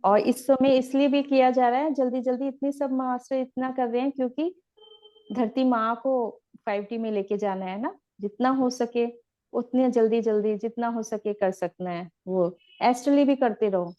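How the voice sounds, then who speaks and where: Gentle woman meditation teacher, mellow voice. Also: on the high side, normal speed, muffled recording. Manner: gentle, repetitive, instructive. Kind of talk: guided spiritual teaching.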